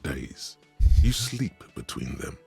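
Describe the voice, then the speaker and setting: A man voicing a game's inner narrator, speaking deep and measured with dry wit. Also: big pitch swings, a little mellow, faint music behind, full character voice. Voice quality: deep, gravelly, slow and measured. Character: gravelly male inner narrator voice. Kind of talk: game narration.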